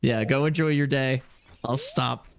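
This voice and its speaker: A man streaming live, chatting casually with viewers in an excitable, filler-heavy way. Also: medium pitch, unhurried, gravelly.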